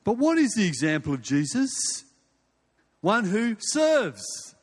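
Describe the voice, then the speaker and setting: Taking it slowly, an older preacher from Western Australia speaks in a high voice with huge swings in pitch and an Australian accent. His sermon is informal storytelling, built on rhetorical questions and repetition, and the recording rings with the reverb of a large hall or church.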